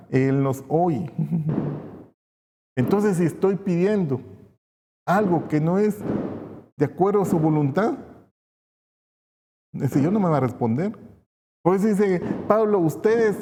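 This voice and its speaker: A man's voice: high voice, warm tone. A man with a Guatemalan accent preaching a sermon, explaining step by step and answering his own rhetorical questions. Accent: Guatemalan Spanish. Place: church. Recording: long reverb of a church hall.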